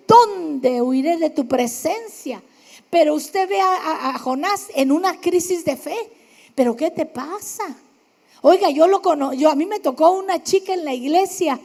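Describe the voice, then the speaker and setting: Very high-voiced Mexican woman preaching. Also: vocal fry, darkish tone. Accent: northern Mexican. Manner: emphatic, addresses listeners directly, acts out quoted voices. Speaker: pastor. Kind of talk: sermon.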